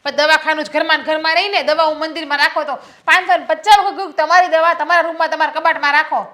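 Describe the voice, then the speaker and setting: An actress playing a quarrelsome, sarcastic daughter-in-law in a stage play, speaking. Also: female voice, sits high, fairly even intonation, quick pace, a bit bright. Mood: scornful. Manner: taunting, sarcastic, scolding. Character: quarrelsome scornful young wife and daughter-in-law. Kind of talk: Gujarati stage-play acting.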